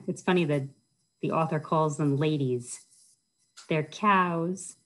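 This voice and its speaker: In a small indoor room with wood panelling, a middle-aged American woman runs a children's storytime as the librarian host, reading and chatting in simple terms and asking questions of young listeners. She has a low voice and takes things slowly, recorded on a webcam or laptop at arm's length.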